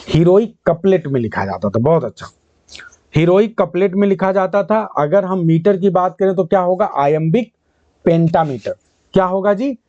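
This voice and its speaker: A male teacher with a high voice runs an online exam-prep class. He calls out questions, reads English prompts slowly word by word, and cheers on his students' answers. The sound is dry and a little dull. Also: dark tone, dry recording. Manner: quizzes students, praises answers, mixes English terms into Hindi.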